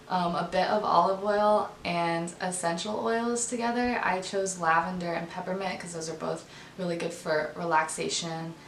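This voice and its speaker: Raspy, low-voiced young woman vlogger. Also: a bit bright, roomy sound, a little hiss or hum, poor audio. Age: young adult. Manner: informal, frequent "like". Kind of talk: casual chatty vlog narration.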